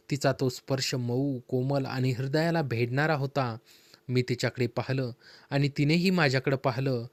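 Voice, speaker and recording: A man reading a first-person story aloud in a calm, steady storytelling manner. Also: medium pitch, no room sound.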